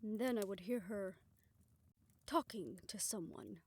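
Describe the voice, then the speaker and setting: In an intimate audio drama, a woman with a mid-range, slightly rough voice plays a remorseful scientist haunted by her past experiments. She speaks softly and haltingly, as if confessing, sounding guilty and bitter.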